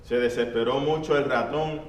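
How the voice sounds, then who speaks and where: Male pastor, earnest sermon storyteller, mid pitch, echoey hall. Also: steady tone, moderate pace, slight background noise. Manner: earnest, addresses the congregation as brethren. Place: church. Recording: echoey church hall from far off.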